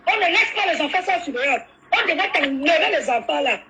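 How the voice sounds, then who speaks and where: Defiant high-voiced woman trading insults. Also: lively intonation, a little fast, dull audio, noisy background. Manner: defiant, insulting, repeating herself. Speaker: live-stream participant. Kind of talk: heated live-stream argument.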